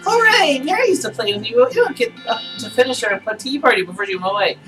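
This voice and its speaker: A man's voice: extremely high pitch, lively intonation, quick pace, pitched above the performer's own voice. A man voicing a cheerful, eerie little girl talking doll in a childish sing-song, for a game playthrough. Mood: childishly excited. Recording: distant mic, music behind.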